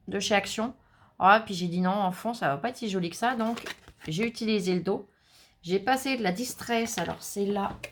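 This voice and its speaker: A woman's voice: medium pitch, fairly bright tone. A woman hosting a casual crafting tutorial, chatting to viewers with many fillers and asides while she works. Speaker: craft channel host.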